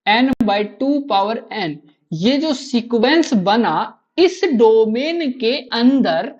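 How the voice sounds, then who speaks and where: A man's voice: high voice, darkish tone. A male maths teacher runs a live online class, firing questions at his students and repeating each answer to drive it home. His voice comes through a dull, lo-fi recording. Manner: quizzes students with constant rhetorical questions; repeats key answers to drill them in.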